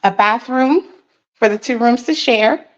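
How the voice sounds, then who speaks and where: A woman's voice: a little high, unhurried, dull audio. Chatty woman realtor touring a home. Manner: chatty, nervous, laughs often. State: slightly out of breath from walking. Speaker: real estate agent. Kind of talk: walking home tour.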